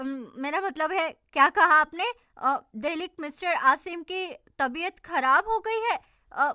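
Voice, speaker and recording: A woman voicing an excitable, quick-tempered young woman in a dubbed drama recap, speaking in an animated, emphatic way. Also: very high-pitched, dry recording, clean studio sound, exaggerated voice. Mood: flustered.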